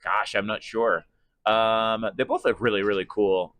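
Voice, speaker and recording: In an interview, a man who announces sports over the PA and does voice acting gives rambling, hesitant, conversational replies. He talks a little slowly in a lowish, fairly bright voice, with no echo.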